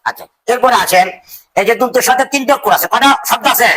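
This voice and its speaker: A male teacher leading a classroom drill, calling out phrases in a slow sing-song and having the class repeat them. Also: very high-pitched, a little hiss or hum. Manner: slow sing-song drilling, stretched words and loud cues. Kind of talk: call-and-response classroom drill.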